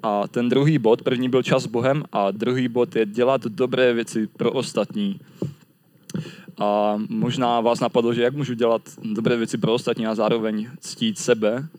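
A man's voice: medium pitch, steady tone, darkish tone, dry recording. A man preaching a sermon in a reflective, conversational way.

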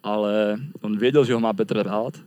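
A man's voice: fairly low pitch, fairly even intonation, a little mellow, no room sound. A man preaching a sermon in a reflective, conversational way.

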